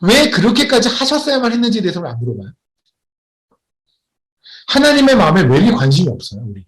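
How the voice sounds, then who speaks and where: A male missionary delivers a sermon in a voice pitched a little high. His intonation rises and falls widely as he moves from a personal story to pointed questions. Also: wildly swooping pitch, fast talker. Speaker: missionary preacher.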